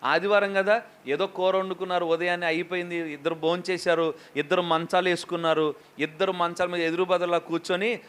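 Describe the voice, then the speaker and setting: A man preaching a lively sermon as a pastor, questioning the congregation and acting out quotes. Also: high voice, brisk, clean tone.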